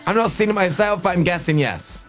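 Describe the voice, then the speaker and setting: A man's voice: a little fast, faint music behind. A young man hosting a radio breakfast show, chatting casually and joking with his team in the studio. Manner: chatty and joking, with lively pitch swings.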